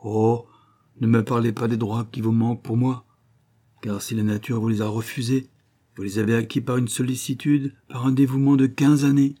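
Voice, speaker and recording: A man's voice: medium pitch, little pitch movement, normal speed, warm tone, natural voice. A man voicing a playful teenage archer who speaks to his father with eager, affectionate devotion. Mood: fervent, tender.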